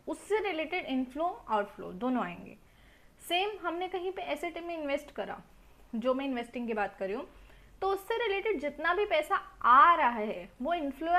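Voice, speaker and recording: Young woman w a high voice rushing thru a revision class on her phone, keeps asking questions back. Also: fairly bright tone. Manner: fast-talking, full of rhetorical questions. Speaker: accounts teacher. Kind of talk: quick revision lecture mixing Hindi and English. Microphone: mobile phone.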